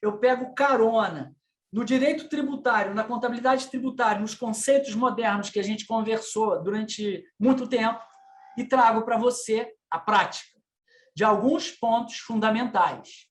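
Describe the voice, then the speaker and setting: A man's voice: sits high, normal speed. A middle-aged man with a Brazilian Portuguese accent giving a lecture to business owners on tax matters. He teaches didactically, addresses listeners directly and asks them rhetorical questions. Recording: echoey room.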